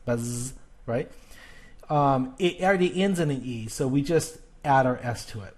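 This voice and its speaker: A man giving a recorded pronunciation lesson in a patient, step-by-step way. He often stops to check in with the listener. He says example words slowly and more than once. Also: mid-range voice. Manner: patient, explains step by step with frequent checks like "okay?". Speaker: teacher. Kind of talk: spoken grammar lesson.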